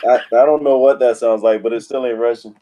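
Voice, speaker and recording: A man's voice: medium pitch, fairly even intonation, fairly quick, dark tone. A man on a podcast panel, teasing and wisecracking in loose conversation. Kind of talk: casual chat.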